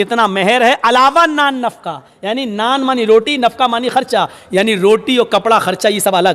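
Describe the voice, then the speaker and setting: High male preacher, animated humorous sermon, echoing hall. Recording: long hall reverb.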